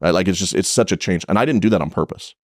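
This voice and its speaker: A man's voice: deep voice, rapid-fire, no room sound, studio quality. A man who is a police officer, telling a story in a casual podcast interview, blunt and profane, with frequent restarts.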